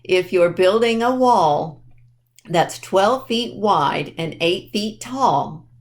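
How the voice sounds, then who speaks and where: In an expressive, medium-pitched voice, a woman delivers a storytime lesson to children, keeping the language simple, spelling things out deliberately, and asking questions to check they understand.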